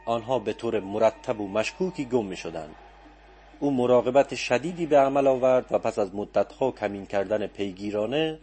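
A man narrates a literary audiobook in a calm, reflective voice. His tone is warm and mellow at an ordinary pitch. Faint music runs beneath the reading.

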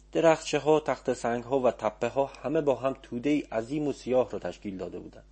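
A man narrates a story for an audiobook, calm and measured. His voice is mellow and warm with a husky edge. His pitch sits in a typical middle range.

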